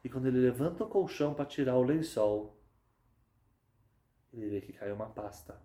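A man, telling a sermon story dramatically, dropping low and soft, then building to loud outbursts. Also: normal speed, reverberant. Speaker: religious speaker.

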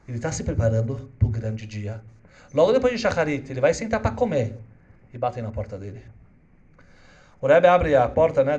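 A man telling a religious story dramatically, moving between hushed and loud. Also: medium pitch.

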